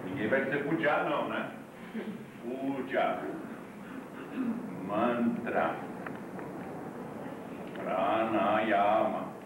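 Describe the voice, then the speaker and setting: A man teaching a yoga class in a deliberate, explanatory way, heard on an old VHS tape recording. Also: fairly low pitch, phone-quality sound. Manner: deliberate, explains terms one by one, with asides to the class. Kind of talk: classroom lecture. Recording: echoey, distant, noisy old VHS recording.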